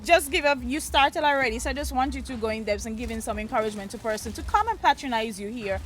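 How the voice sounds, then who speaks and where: A woman's voice: a little high, animated, fast, a bit bright, a little hiss or hum. A woman, hosting an on-location interview with vendors at a public market.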